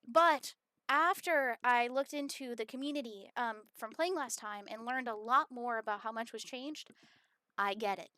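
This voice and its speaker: A woman live-streaming a game, chatting casually and rambling with many fillers, sometimes bursting into excited squealing greetings to her chat. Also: fairly high pitch, moderate pace, dry recording.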